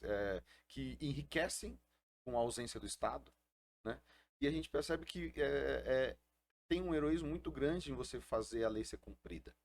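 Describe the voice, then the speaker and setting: A man's voice: medium pitch, a little mellow, slight background noise. A man speaking as a guest on a podcast, earnest and impassioned, often ending sentences with a questioning tag. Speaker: guest, FUNAI indigenist. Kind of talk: casual podcast interview.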